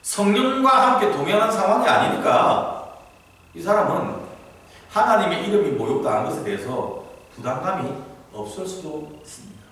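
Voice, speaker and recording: A male pastor preaching a Sunday sermon, acting out quoted voices with big swings in pitch and volume. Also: animated, moderate pace, fairly bright tone. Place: church sanctuary. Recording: roomy church hall, distant mic, faint ambience.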